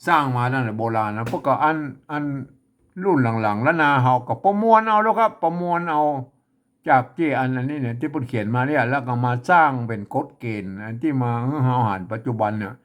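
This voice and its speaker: A man's voice: mid-range voice, animated, brisk, a bit bright. Chuckling man sounding out old script. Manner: chuckles often, repeats words while sounding them out. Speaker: teacher of old Lanna script. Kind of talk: casual reading lesson.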